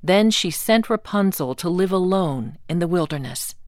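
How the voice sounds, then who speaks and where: A woman reading a fairy tale aloud as scripted storybook narration, calm and deliberate. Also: lowish voice, no room sound, clean studio sound.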